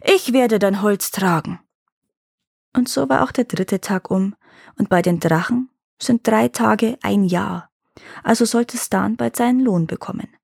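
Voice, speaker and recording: A woman narrating a fairy tale in calm, measured scripted storytelling. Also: medium pitch, creaky, husky, no room sound, clean studio sound. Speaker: storyteller reading fairy tales.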